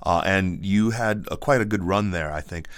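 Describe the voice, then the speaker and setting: A man hosting a podcast, talking in a relaxed, joking way with frequent restarts. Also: sits low, normal speed, clean tone, no echo. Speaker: podcast host. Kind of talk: casual podcast conversation.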